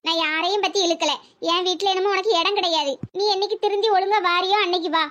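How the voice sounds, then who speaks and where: A stern village mother in a cartoon drama, voiced by a woman, with a very high, piercing voice. She fires off rapid rebukes and sharp-tongued scolding. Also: fairly even intonation, dull audio.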